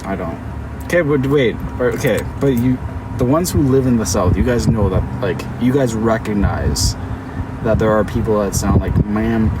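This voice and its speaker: A man's voice: lowish voice, normal speed. A Canadian man chatting playfully with viewers during a livestream. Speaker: livestream host. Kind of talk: casual chat with viewers. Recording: distant mic with street noise.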